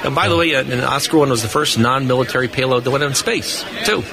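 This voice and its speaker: An amateur radio expert, appearing as a guest in a live radio interview, gives detailed technical explanations and stories from a busy convention hall booth. His mid-range voice is quick and lively with vocal fry. The audio is poor, with crowd chatter from the convention floor.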